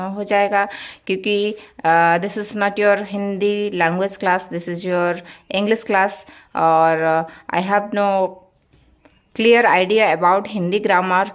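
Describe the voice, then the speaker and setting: A young woman teaching an English lesson. She spells words out letter by letter and asks her class questions, then answers them herself. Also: mid-range voice.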